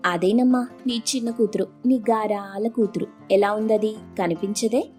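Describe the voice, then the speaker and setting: A woman's voice: mid-range voice, fairly even intonation, normal speed, darkish tone, faint music behind, close to an everyday voice. A woman voicing an arrogant, bossy rich elder sister who brags and sneers at the poor. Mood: casual. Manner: haughty, boastful and scornful.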